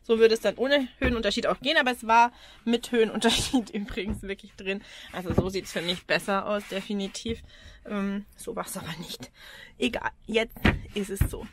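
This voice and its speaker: Speaking at a moderate pace in a mid-range voice, a woman in her forties with an Austrian accent walks viewers through her camper van outdoors, frank and casual, with ums and small laughs. She films on an action camera held at arm's length, and background noise is audible.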